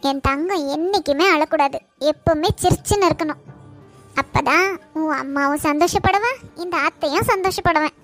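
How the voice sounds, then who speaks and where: A woman voicing a gentle, caring cartoon aunt. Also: high voice, moderate pace. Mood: soothing. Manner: soothing, affectionate, pleading. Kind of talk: cartoon voice acting. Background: faint background music.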